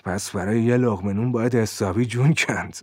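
Sneery greedy thief guy from a story, man doing the voice, husky, dry sound. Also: on the low side, dry recording. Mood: sneering. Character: greedy, uneasy male thief, mocking.

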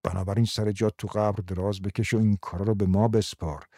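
A man's voice: lowish voice, steady tone, mellow, no room sound, clean studio sound. A man voicing a male villager who gossips in a mocking tone. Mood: gossipy.

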